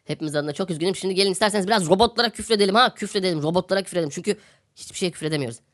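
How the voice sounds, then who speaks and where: Fast-talking sarcastic male podcast host. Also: high voice, fairly bright tone. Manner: sarcastic, ranting, repeats phrases for comic effect. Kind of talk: satirical news commentary.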